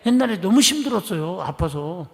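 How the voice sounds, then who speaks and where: A middle-aged man from Korea's Chungcheong region preaching a lively, chatty sermon, acting out conversations and coaxing the congregation to respond. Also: high-pitched, brisk, gravelly. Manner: chatty storytelling, acting out dialogue. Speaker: pastor. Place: church sanctuary. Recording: long church hall reverb.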